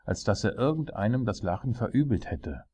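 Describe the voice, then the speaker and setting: A man narrates a dark audiobook tale with a very deep, low voice. There is a husky grain to it, and he tells the story gravely and at a measured pace. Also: sing-song.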